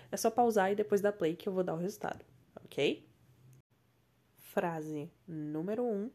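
A Brazilian woman teaching English grammar on a podcast, with a voice of middling pitch. She explains patiently and repeats each example sentence slowly and carefully. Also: a little mellow. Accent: Brazilian Portuguese.

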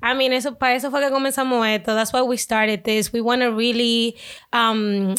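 A young woman with a high voice co-hosts a casual podcast chat. She is playful and slips between English and Spanish. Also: level tone, fairly quick, fairly bright tone, clean tone. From Dominican family, raised in Lawrence. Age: young adult. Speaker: podcast co-host.

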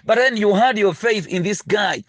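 A man preaching a sermon, earnest and halting, full of fillers and repeated words. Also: sits high, fairly bright tone, no room sound. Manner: earnest, slows to stress key phrases. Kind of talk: recorded sermon teaching.

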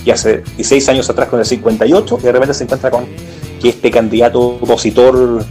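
Un hombre con acento chileno conversa de política en un pódcast, con muchas pausas y frases que se reinician. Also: male voice, medium pitch, level tone, warm tone, soft background music. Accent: Chilean Spanish. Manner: rambling, many restarts and fillers. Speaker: political podcast co-host. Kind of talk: casual political chat.

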